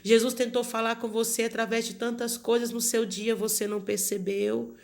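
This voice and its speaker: A woman's voice: fairly high pitch, little pitch movement, moderate pace, creaky, darkish tone. A woman with a Brazilian Portuguese accent preaching a sermon, earnest and repetitive, often calling her listeners beloved.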